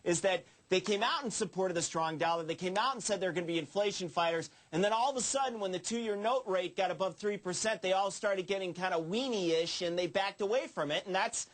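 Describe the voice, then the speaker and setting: A male analyst speaks as a guest on a business news panel. His voice sits high, and he explains his views on the markets in a conversational way. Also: brisk, hardly any pauses, a bit bright. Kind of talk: cable business news discussion.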